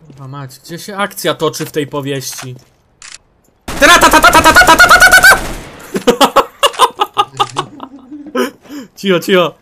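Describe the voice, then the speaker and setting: A man giving excitable live commentary on his own shooter match, shouting callouts, swearing and mocking his teammates. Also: on the high side, fairly quick, very noisy.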